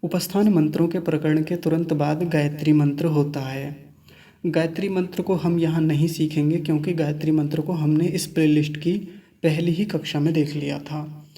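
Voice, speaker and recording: Male Sanskrit teacher, measured and patient, repeats words syllable by syllable, a bit higher pitch, recorded slightly off-mic. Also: mellow, distant mic. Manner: slow, deliberate syllable-by-syllable demonstration; contrasts wrong and right pronunciations repeatedly. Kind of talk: recorded online class.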